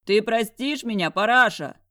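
An audiobook reader voicing a huge bearded man, loud and hoarse, who proposes marriage. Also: a little high, moderate pace, dry recording, studio quality, close to an everyday voice. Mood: playful shouting.

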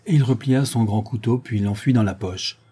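A man narrating an audiobook in a steady, measured storytelling manner. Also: mid-range voice, slightly rough. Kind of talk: scripted narration.

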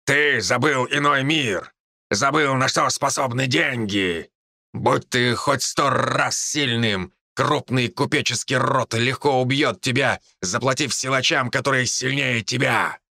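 Brief: mocking raven-druid, gravelly and crisp, drawling taunts, a male narrator's put-on voice, audiobook. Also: medium pitch, sharp tone, no room sound, clean studio sound, exaggerated voice. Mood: scornful. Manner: slow, scornful, taunting.

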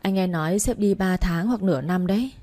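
A friendly male assistant in a storybook, plain and helpful, as a woman reads his part. The voice stays warm and mellow. He answers questions simply. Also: medium pitch, brisk, natural voice. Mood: informative.

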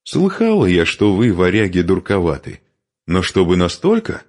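A man voicing a mocking, quarrelsome young Norse warrior woman in an audiobook, with a husky, sharp-tongued voice. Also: low-pitched, wildly swooping pitch, moderate pace, pitched above the performer's own voice, heavily acted. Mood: scornful.

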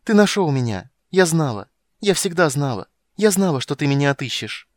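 A man's voice: sing-song, normal speed, no room sound. A breathless little girl with a piercing, pleading voice, put on by a male reader in an audiobook. The sound is dry and close, with no room around it. Her voice sits well above the reader's own. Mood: excited pleading. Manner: high, shrill, pleading. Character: young girl, excited and clinging.

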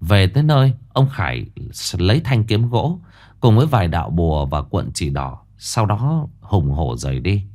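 A man narrating a ghost story in an expressive, dramatic storytelling manner. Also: low voice, normal speed.

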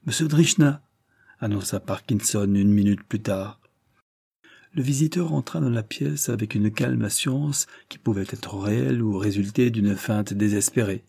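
A man narrating a literary story in a steady, even storytelling manner, on a close microphone. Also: lowish voice, moderate pace, gravelly, breathy edge, dry recording. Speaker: audiobook narrator.

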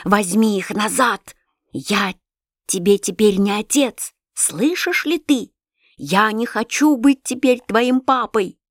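A woman voicing a desperate, unstable father who speaks in a trembling, hushed whisper. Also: medium pitch, no echo, studio quality. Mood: bitter.

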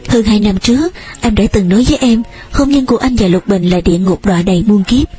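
A woman's voice: medium pitch, fast, warm tone, faint music behind, lightly acted. A woman voicing a desperate young lover. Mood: pleading. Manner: urgent, insistent pleading. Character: passionate young man pleading with his lost love.

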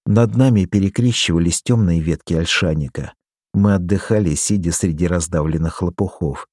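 A man narrating a story in the first person, measured and steady. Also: deep voice, dry recording, studio quality. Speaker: audiobook reader.

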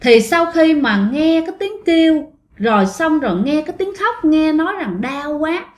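A woman's voice: sits high, animated, moderate pace, darkish tone. A woman narrating ghost stories in a chatty, casual way, often speaking straight to her listeners. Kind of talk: casual spoken storytelling. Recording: roomy echo.

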